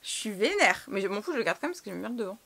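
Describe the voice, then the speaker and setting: A woman's voice: medium pitch, big pitch swings, racing, creaky, fairly bright tone. A young woman from France chatting casually through a clothing haul, slangy and swearing now and then. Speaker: fashion vlogger.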